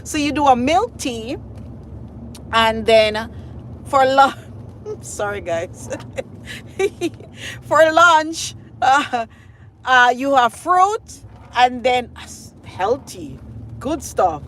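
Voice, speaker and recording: A middle-aged woman hosts a live-stream, chatting to her viewers in an unhurried, rambling way, full of fillers and easy laughter. She is speaking outdoors, and faint traffic hums in the background. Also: sits high, big pitch swings, fairly bright tone. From Jamaica. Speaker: food blogger host. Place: outdoors at a scenic lakeside.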